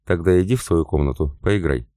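A man reading the lines of a refined aristocratic young wife in an audiobook, in composed, measured speech. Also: low voice, mellow, no echo, clean studio sound, close to an everyday voice. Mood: cool.

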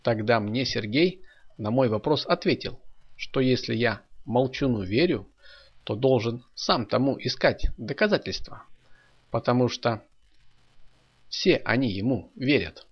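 An earnest, thoughtful man explains patiently, as a male reader voices him. His voice is husky and lively in pitch, heard through a dull lo-fi recording. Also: measured pace. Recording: dull lo-fi audio.

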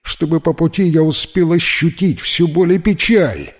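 A man's voice: on the high side, moderate pace, voice pushed up, lightly acted. A man voicing a whiny, theatrical red-haired schoolboy in a children's storybook. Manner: complaining, theatrical sighs. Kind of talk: storybook character voice.

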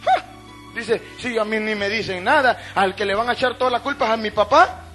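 A middle-aged Honduran man preaching an evangelical sermon to young people, swinging between fervent shouts and hushed storytelling. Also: sits high, a little fast, soft background music. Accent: Honduran Spanish.

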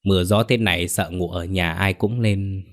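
A man's voice: low voice, fairly even intonation, normal speed. A man voicing a timid, worried old village mother who speaks hesitantly. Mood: anxious.

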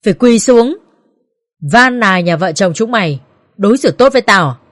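A woman voicing a bitter, harsh old mother-in-law who shouts insults at her son. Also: medium pitch, lively intonation, moderate pace, close to an everyday voice. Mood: furious scolding.

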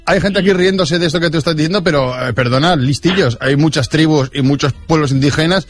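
Quick sarcastic man. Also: a little high. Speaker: comedy radio host. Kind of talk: improvised comedy sketch.

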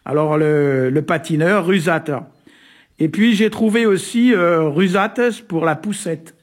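A man from Brittany explaining word meanings in a relaxed, hesitant way, full of little fillers and chuckles. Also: on the high side, unhurried. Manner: hesitant, many "euh" and "hein" fillers, chuckles often. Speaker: Breton language expert on a radio show. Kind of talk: casual explanatory chat.

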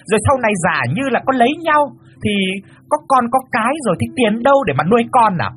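A man voicing a sneering middle-aged mother who nags and mocks her daughter's suitor in a sarcastic, fast rant. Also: on the high side, big pitch swings, fairly bright tone, pitched above the performer's own voice. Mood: scornful.

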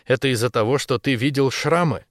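A man's voice: medium pitch, a little fast, dry recording, studio quality, voice pushed up, close to an everyday voice. A man voicing a young wife in an audiobook, pleading with her husband in a raised voice. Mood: hurt, unsure. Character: young woman, the narrator's wife, desperate.

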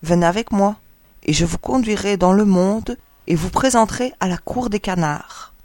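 A woman's voice: mid-range voice, moderate pace, a little mellow, dry recording, lightly acted. Mother duck, protective and doting, storybook reading; a woman reads her, dry close sound. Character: anxious proud mother duck, female, adult.

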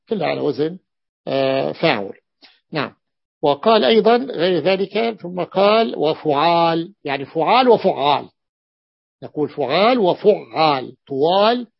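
A man teaching Arabic morphology in a classroom lesson, often repeating terms and pausing on drawn-out fillers. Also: fairly high pitch, gravelly. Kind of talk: classroom lesson explaining a text. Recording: dull lo-fi lesson recording.

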